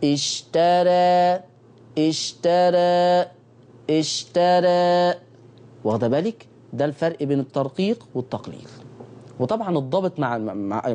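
A middle-aged man with an Egyptian Arabic accent giving a televised Quran recitation lesson, repeating key phrases and slowly sounding out letters for viewers to copy. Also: mid-range voice, dark tone.

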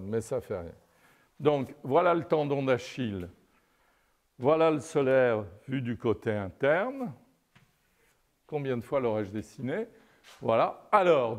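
Slow, lively older man lecturing. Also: mid-range voice. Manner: digressive and wry, peppered with "n'est-ce pas". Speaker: anatomy lecturer. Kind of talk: live art-anatomy lecture at a chalkboard.

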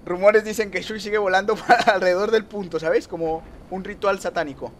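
A young man giving lively gameplay commentary, talking to viewers and teasing rivals. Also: high voice, moderate pace, slight background noise. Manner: excitable, talks to viewers and rivals, trash-talks. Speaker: gaming youtuber.

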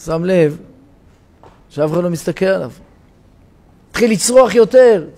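A rabbi giving a sermon in a synagogue, telling a parable with dramatic shouts and changes of voice. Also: male voice, sits high, lively intonation. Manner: dramatic storytelling, shouting the parable's cries for help.

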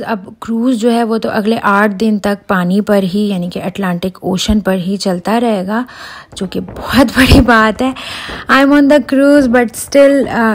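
A chatty woman in her thirties vlogging outdoors on a cruise ship deck. She talks straight to her viewers in a casual, excited way, recorded on a handheld phone. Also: mid-range voice, a little hiss or hum. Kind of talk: casual travel vlog narration.

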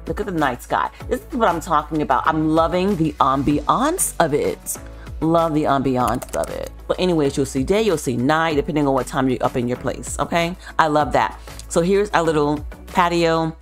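Woman vlogger, low voice with big swings, over soft background music. Excitable, gushing tour host who talks straight to her viewers. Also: moderate pace. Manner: gushing, excitable, repeats herself for emphasis. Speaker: vlogger giving a virtual home tour. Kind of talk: casual chatty tour narration.

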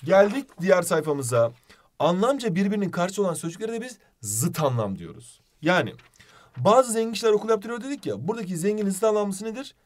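A male teacher runs a video lesson in a playful, animated way, asking questions as he goes. His voice sits fairly high and moves a lot in pitch. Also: fast talker.

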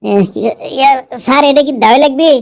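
A man's voice: very high voice, fairly quick, gravelly. A man with a northern Bangladeshi Bogura accent voicing a bumbling, greedy young army recruit in a comedy dub, whining and muttering to himself. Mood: flustered. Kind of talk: comedy dubbing in dialect.

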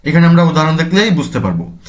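A man's voice: fairly high pitch, big pitch swings, fast. A man teaching a language class, explaining grammar step by step and answering his own questions.

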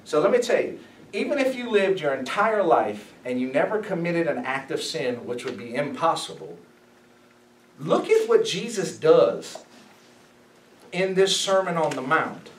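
A man preaching as a pastor, emphatic and animated, asking his listeners questions as he teaches. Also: a little high, measured pace, slight background noise. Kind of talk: sermon, Bible study teaching. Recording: echoey room, mic at a distance.

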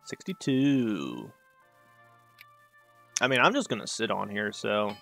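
Soft music plays as a man with a bright, forceful voice on the low side speaks slowly with vocal fry and huge pitch swings. English is his first language, and on his own gaming channel he gives casual strategy-game commentary, thinking aloud, rambling and making sarcastic asides to himself.

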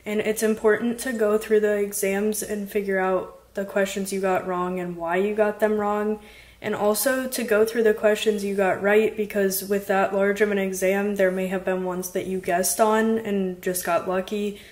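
A woman's voice: medium pitch, level tone, moderate pace, darkish tone. Chatty young woman vlogging at home. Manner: chatty, uses lots of "like" and "um". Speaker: vlogger studying for a medical school entrance exam. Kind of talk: casual vlog talk to camera. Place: apartment living room, indoors.

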